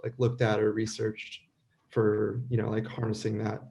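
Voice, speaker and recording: Hesitant young man, low flat voice. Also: moderate pace, gravelly. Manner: hesitant, many fillers like "like" and "um". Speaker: audience member asking a question. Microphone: video call.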